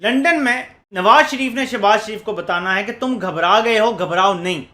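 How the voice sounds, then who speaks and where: A man's voice: sits high, moderate pace, sharp tone. A man giving TV political commentary in an insinuating tone, posing leading rhetorical questions. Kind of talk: TV news commentary.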